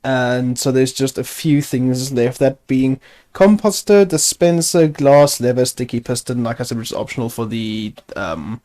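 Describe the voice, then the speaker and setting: A man's voice: medium pitch, animated, a little slow, dark tone. A man hosting a gaming video, giving casual gameplay commentary, chatty and self-narrating with wry asides.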